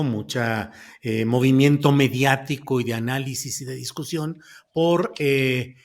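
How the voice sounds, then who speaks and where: A man hosting a political panel discussion, putting questions to guests by name and reading quotes aloud. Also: mid-range voice. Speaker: host.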